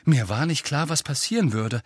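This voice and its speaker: A man voicing a blunt, hot-tempered teenage boy who is quick to blame others, in an audiobook reading. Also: mid-range voice, expressive, slightly rough, no room sound, clean studio sound, pitched above the performer's own voice. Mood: agitated.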